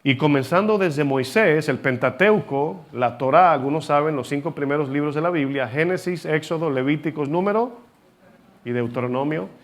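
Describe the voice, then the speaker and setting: Male preacher, fairly high voice, teaching tone, quizzes the congregation and has them repeat key words. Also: normal speed. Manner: rhetorical questions to the listeners. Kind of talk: sermon.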